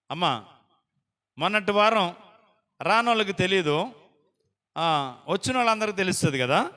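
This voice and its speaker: High, bright-voiced preacher in a reverberant hall. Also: male voice. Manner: call-and-response, quizzing the congregation with repeated questions; exclaims praise loudly. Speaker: pastor. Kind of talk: sermon. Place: prayer house hall. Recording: long reverb of a church hall.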